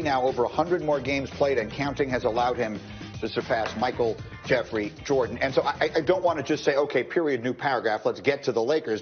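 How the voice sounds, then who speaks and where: A man hosting a morning sports show, narrating game highlights with energy and leading the panel. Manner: energetic play-by-play over highlights. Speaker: studio host. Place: TV studio. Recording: dull broadcast audio with music.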